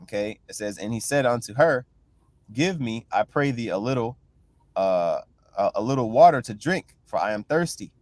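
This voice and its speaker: A man's voice: mid-range voice, animated, moderate pace, darkish tone, dry recording. A man leading a casual bible class, reading verses aloud and retelling them loosely, with constant "you know" and "right?" check-ins. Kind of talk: casual scripture teaching.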